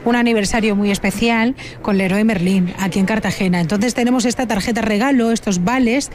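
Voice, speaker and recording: A woman hosting live radio from inside a large store, chatty and lively, laughing often. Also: medium pitch, brisk. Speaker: radio host. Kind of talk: live radio chat on location.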